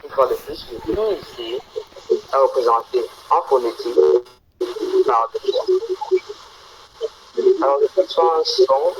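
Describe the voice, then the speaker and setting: Brief: male pronunciation teacher on a video call, slow and deliberate, faint background hiss. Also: mid-range voice, very animated. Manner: slow, repeats example words deliberately. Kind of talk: online phonetics lesson.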